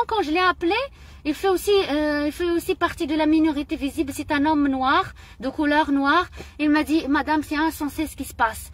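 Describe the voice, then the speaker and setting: A middle-aged woman from Morocco, speaking in an impassioned personal monologue, indignant and emotional, often repeating her phrases. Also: high-pitched. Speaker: vlogger.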